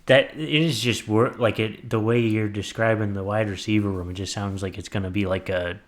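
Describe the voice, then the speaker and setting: A man co-hosting a casual sports podcast, relaxed and agreeable, reeling off player stats. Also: on the low side, a little fast. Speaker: podcast co-host.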